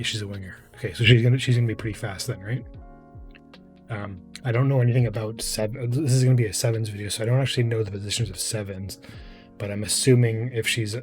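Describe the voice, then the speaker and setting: A man with an English Canadian accent talks through a reaction video in a loose, rambling way, often stopping to restart his sentences. His voice sits on the low side, with soft music playing faintly behind him. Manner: rambling and hesitant, many restarts. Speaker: reaction channel host. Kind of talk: casual reaction commentary.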